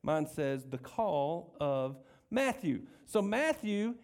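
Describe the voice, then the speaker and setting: A man's voice: a little high, very animated, slow pace. A middle-aged male pastor preaching a casual, conversational sermon, telling stories with jokey asides and asking the congregation questions.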